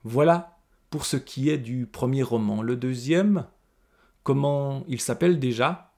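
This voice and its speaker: A man's voice: mid-range voice, mellow, lightly acted. Man reading a blunt inmate librarian, scornful, spells out every syllable, plain own voice. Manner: cutting, deliberate, stresses each syllable.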